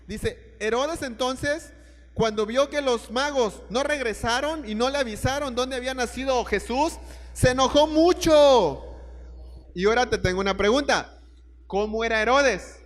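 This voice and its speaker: A man's voice: very high-pitched, moderate pace, a bit bright, in a large hall. A man preaching a sermon, telling the story and putting questions straight to his listeners.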